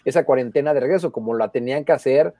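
A man's voice: mid-range voice, fast talker, warm tone, no room sound, studio quality. A man, a football correspondent in casual sports talk, chatty and hesitant with repeated words. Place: abroad, in the Netherlands.

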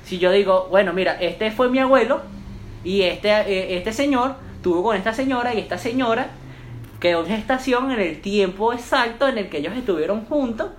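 A woman's voice: mid-range voice, animated, moderate pace, a little hiss or hum. A young Venezuelan woman with a Venezuelan accent, chatting casually and rambling in slang, sometimes mimicking other accents. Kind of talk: casual chat.

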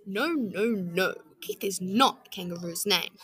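Brief: a woman doing a loud, hearty storybook kangaroo chief, big and kindly, bright tone. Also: sits high, wildly swooping pitch, fairly quick, voice pushed up, exaggerated voice. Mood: booming hearty. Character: booming male kangaroo leader, kindly.

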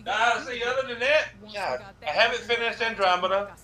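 A man's voice: high voice, moderate pace, background noise. A man in a casual group voice chat with gamers, swearing freely as he rants about games. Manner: profane ranting.

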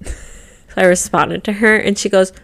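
Chatty mom co-hosting a podcast. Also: female voice, mid-range voice, fairly even intonation, unhurried, gravelly. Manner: chatty, storytelling with many fillers and restarts. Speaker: podcast co-host. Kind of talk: casual chat.

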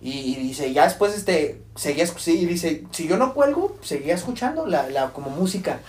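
A man's voice: lively intonation, a little fast, a little mellow. A young Mexican man casually telling a ghost story to friends, rambling and jumping into quoted voices. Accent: Mexican Spanish. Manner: rambling, acts out quoted voices with high pitch jumps. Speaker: podcast host telling a scary story. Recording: echoey room.

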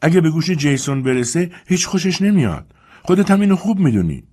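Fretful lady of the house, querulous, voiced by a man; raised, lively pitch. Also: husky. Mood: complaining. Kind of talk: audiobook character voice.

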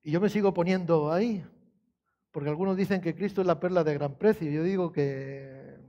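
A man preaching a sermon in a conversational way, asking the congregation questions and quoting scripture, moving between quiet storytelling and raised, emphatic passages. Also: on the high side, moderate pace, highs cut off. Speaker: pastor.

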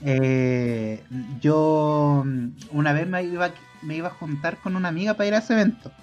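A man's voice: fairly high pitch, normal speed, dull audio, faint music behind. A young man with a Chilean accent, a podcast co-host telling stories in casual chat and acting out voices. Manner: animated, acts out voices in his stories.

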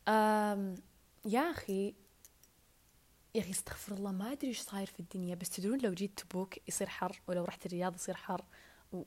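A woman with a Saudi Arabic accent talks quickly on a casual solo podcast at a middle pitch. She rambles and keeps dropping into whispered asides. The sound is close and thin, as from a wired earphone mic. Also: level tone, darkish tone. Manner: rambling, rushed, drops into whispers.

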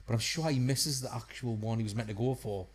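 A man's voice: mid-range voice, a little fast, husky. Easygoing man, casual podcast co-host. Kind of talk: casual film chat.

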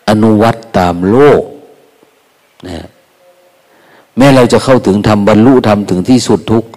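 An older man, a Buddhist monk, giving a soft, unhurried Dharma talk with folksy quoted asides. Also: lowish voice. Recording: long hall reverb.

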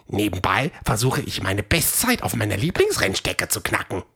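A woman voicing Fred, a fast, eager male dinosaur runner in a children's audio story, in a high, excited voice. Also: slightly rough, exaggerated voice.

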